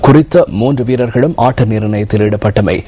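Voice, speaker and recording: A man reading the news as anchor in a steady, formal delivery. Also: lowish voice, brisk.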